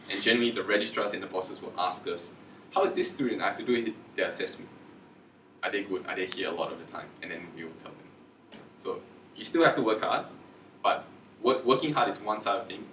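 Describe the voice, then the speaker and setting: A man's voice: on the low side, fairly bright tone, a little hiss or hum. A man giving a casual career talk to students, chatty and informal, acting out quoted dialogue in raised voices. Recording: echoey room, distant from mic.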